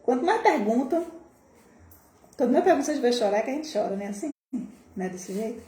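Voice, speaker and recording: A woman's voice: expressive, fast talker. Emphatic Brazilian woman, echoey room. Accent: Brazilian Portuguese. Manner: emphatic, rhetorical questions, mimics scolding adults with sharp pitch jumps. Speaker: early childhood educator hosting a live stream. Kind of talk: impassioned live-stream talk. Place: home room, recorded for a social media live. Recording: echoey room with faint background noise.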